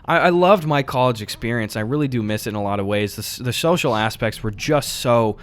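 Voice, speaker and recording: A man's voice: medium pitch, fairly quick. A young American man co-hosting a podcast in casual comedic banter, swearing freely as he talks. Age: young adult. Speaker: podcast co-host.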